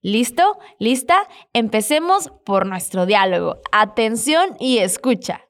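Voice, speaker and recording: A woman teaching Spanish, guiding learners through repetition drills in a clear, patient and encouraging way. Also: a little high, big pitch swings, slow pace. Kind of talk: language lesson with repetition drills.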